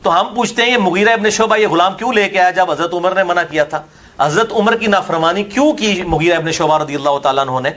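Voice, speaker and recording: A man's voice: high-pitched, a bit bright. A man with a Punjabi accent giving a combative religious lecture, mocking his opponent and putting questions straight to his listener. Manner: combative, mocking, drifts between Urdu and Punjabi. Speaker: religious speaker.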